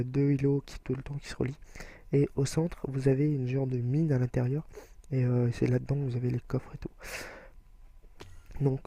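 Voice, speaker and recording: A man's voice: mid-range voice, mellow. A young man giving casual gameplay commentary, explaining step by step with frequent hesitation fillers. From France. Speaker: gaming video creator.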